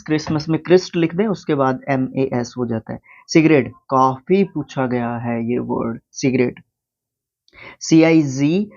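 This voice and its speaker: A man's voice: mid-range voice, a little mellow. A man with an Indian accent teaching English spelling in a casual Hindi lesson, spelling words out letter by letter and asking the viewer questions. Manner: asks the viewer questions, then answers them. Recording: slightly dull, lo-fi recording.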